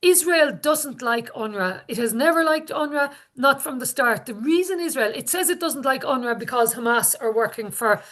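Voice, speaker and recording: This activist from Galway has a west of Ireland accent and a high, expressive, fairly bright voice, talking at normal speed with few pauses. Her informal public talk is earnest, and she repeats phrases to drive points home.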